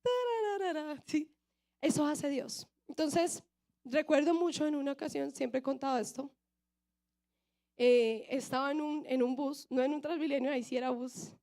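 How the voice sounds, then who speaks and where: A woman's voice: high voice, normal speed. A young woman with a Colombian Bogotá accent preaching a sermon and telling her own testimony, often asking the audience questions. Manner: lively storyteller, asks the audience questions. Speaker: youth preacher.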